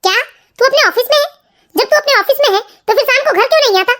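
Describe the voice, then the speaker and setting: A woman voicing a bossy, accusing middle-aged mother-in-law in an animated family story. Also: very high voice, quick pace. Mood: scolding.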